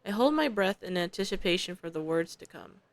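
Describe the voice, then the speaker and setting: A woman's voice: on the low side, animated, brisk, dry recording. Streamer: young woman, reads game text aloud, slangy asides, dry close sound. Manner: chatty, slangy asides between narration. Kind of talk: reading a visual novel aloud with casual commentary.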